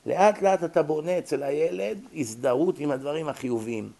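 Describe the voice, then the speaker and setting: A man's voice: a little high, gravelly, dark tone. A man lecturing on psychology to an audience, explaining with examples and rhetorical questions.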